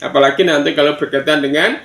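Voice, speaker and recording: A man teaching children Quran recitation in a slow online lesson, counting aloud and drilling chanted verses. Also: on the high side, fairly even intonation, gravelly, a bit bright. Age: older. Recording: echoey room.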